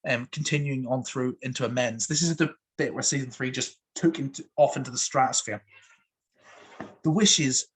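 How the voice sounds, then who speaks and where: Husky-voiced man gushing. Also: mid-range voice. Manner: excitable, fond of "so much fun"; frequent fillers and restarts. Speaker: TV episode reviewer. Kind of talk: casual enthusiastic review.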